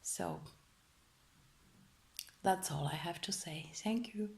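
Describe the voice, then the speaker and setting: Slow-spoken woman. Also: fairly low pitch. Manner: slow, halting, searching for words. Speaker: interviewee. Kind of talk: personal testimony to camera.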